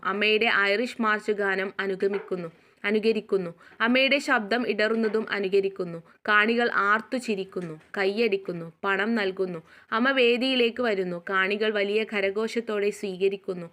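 Woman reading a school lesson aloud. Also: medium pitch. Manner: steady, reads a play script and notes with small slips. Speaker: teacher.

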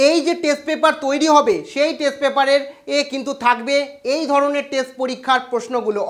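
Rapid high-voiced host. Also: fairly bright tone. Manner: rapid delivery with frequent "ah" fillers and English loanwords. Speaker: education news channel host. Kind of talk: exam news update addressed to students.

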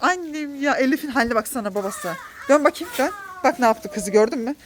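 High, lively mother scolding and coaxing. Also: brisk, a little hiss or hum. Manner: coaxing and scolding, laughing often. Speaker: mother filming her children. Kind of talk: casual family vlog. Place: outdoor garden.

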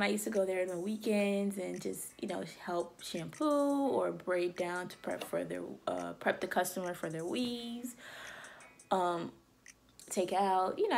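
A woman's voice: medium pitch, gravelly. A woman from Liberia talking casually to camera as a beauty vlogger, chatty and loose with frequent "um" and "you know".

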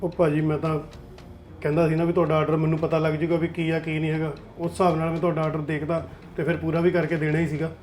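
An actor playing a troubled firm owner who talks calmly and reasons with an angry client, with a Punjabi accent. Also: male voice, a little high, quick pace, a little hiss or hum, lightly acted. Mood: placating. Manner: soothing, reasoning. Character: troubled male firm owner, placating and weary. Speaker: office owner.

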